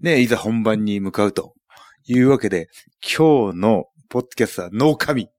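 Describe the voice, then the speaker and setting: A man with a fairly low voice hosts a podcast from a studio. He talks casually and loosely, and he often stops to joke and to drop fillers. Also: animated, brisk, darkish tone. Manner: chatty, jokey, many fillers. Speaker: podcast host.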